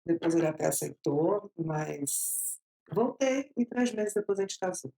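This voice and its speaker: A woman in her fifties from Bahia, Brazil, speaks with a Bahian Portuguese accent as an interview guest telling her story. Her voice is on the low side, warm, expressive and creaky. She's chatty, laughs often, and draws her phrases out slowly.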